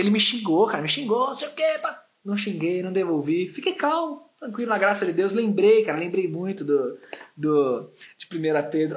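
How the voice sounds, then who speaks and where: High-voiced animated São man. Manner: animated, slangy, expressive. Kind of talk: casual storytelling testimony.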